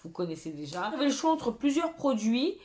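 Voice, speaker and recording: Chatty, expressive French-speaking woman vlogger. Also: fairly high pitch, fairly quick. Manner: chatty, expressive, exclamatory asides. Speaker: beauty vlogger. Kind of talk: casual haul chat.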